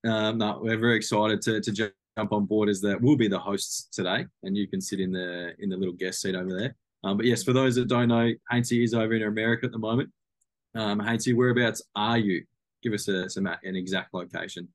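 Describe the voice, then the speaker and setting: A man's voice: fairly low pitch, little pitch movement, brisk, no echo. An Australian man co-hosting a podcast, asking questions in a jokey, bantering way. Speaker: podcast co-host. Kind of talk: casual podcast chat.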